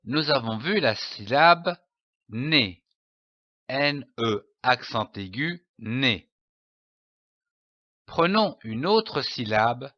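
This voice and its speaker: A man with a French accent teaching reading to young children, spelling out letters and sounding out syllables slowly and carefully. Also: medium pitch, pushed and bright, no echo, lo-fi sound. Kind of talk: slow phonics lesson for young children.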